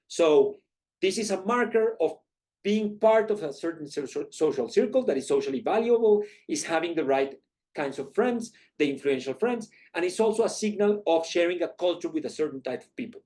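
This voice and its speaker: Guy giving a uni lecture, fairly high voice for a man, asks a question then answers it himself. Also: animated, brisk, a little mellow. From Colombia. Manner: methodical, poses questions then answers them. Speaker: guest lecturer, economist. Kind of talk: university lecture.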